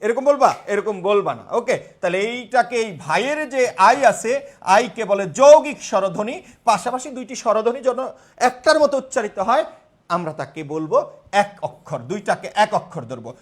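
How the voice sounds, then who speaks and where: A man's voice: high voice, animated, brisk. A young man teaching grammar in a live online class, repeating terms and quizzing his students.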